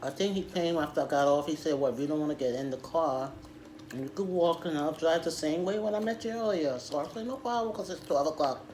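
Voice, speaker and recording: A middle-aged woman telling a personal story in a casual, halting, animated, conversational way. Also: low-pitched, poor audio. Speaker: storytime vlogger. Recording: clear background noise.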